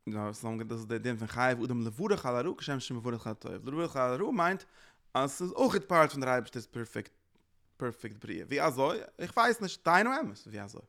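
Gravelly-voiced man giving a religious lecture. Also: medium pitch, animated, fast, a bit bright.

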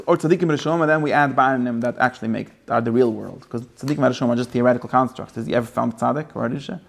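Gravelly man teaching a Torah class. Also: mid-range voice. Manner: mixes English phrases into his talk, many restarts. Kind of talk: Yiddish-English Torah class.

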